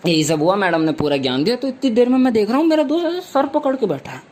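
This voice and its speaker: A man's voice: high-pitched, very animated, quick pace, darkish tone. Casual chatty male stand-up comedian. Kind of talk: stand-up storytelling.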